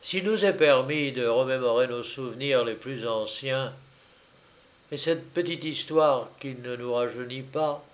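A male audiobook narrator with a medium-pitched voice reads a literary story aloud, telling it in a measured, wry way.

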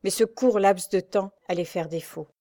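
A woman narrating an adventure novel aloud in a steady, dramatic storytelling voice. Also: medium pitch, normal speed. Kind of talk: audiobook reading of an adventure novel.

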